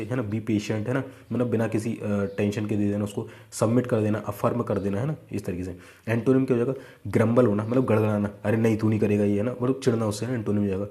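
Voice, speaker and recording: A man's voice: on the low side, warm tone. A young adult man teaching exam vocabulary in a casual, conversational way, often checking in with his students. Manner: conversational, repeats 'है ना' and 'ठीक है'. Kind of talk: casual Hindi lesson.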